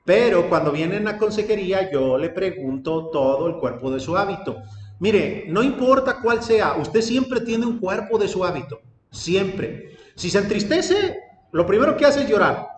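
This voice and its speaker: A man's voice: high voice, expressive, a little slow. A man preaching a sermon, telling a story and acting out its dialogue, then building up emphatic lists. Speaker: pastor. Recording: echoey hall with ambient noise.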